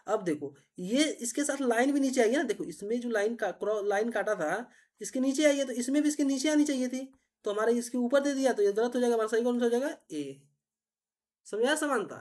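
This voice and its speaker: A woman teacher, patiently explaining reasoning puzzles step by step and often asking if it is clear. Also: fairly high pitch, mellow. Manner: patient, repetitive, checks understanding often.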